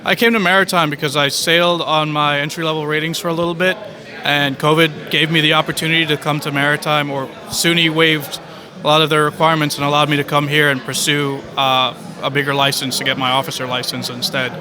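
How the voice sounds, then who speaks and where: A man's voice: fairly high pitch, level tone, a little fast. A young man from Trinidad and Tobago answering interview questions fluently and articulately as a cadet. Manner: fluent, articulate, some "you know". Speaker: college cadet. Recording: crowd chatter behind.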